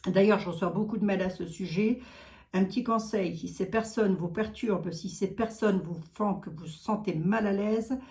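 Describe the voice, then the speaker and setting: Mellow-voiced woman with a Lorraine accent. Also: mid-range voice, measured pace. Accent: Lorraine French. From Lorraine, eastern France. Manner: chatty, folksy, peppers talk with "hein". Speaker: psychic card reader. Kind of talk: casual chat to viewers.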